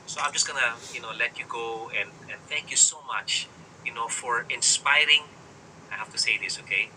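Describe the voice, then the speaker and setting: A man's voice: mid-range voice, normal speed, sharp tone, a little hiss or hum, rough recording. A man with a Filipino accent hosting a live online interview, switching between English and Filipino in an encouraging tone. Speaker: host.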